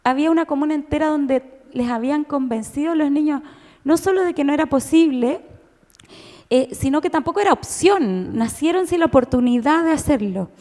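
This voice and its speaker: A Chilean woman in her thirties telling her own story at a conference, emotional and animated, with many restarts. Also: high-pitched, fairly quick. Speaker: conference speaker. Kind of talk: personal testimony talk. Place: church. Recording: long reverb of a church hall.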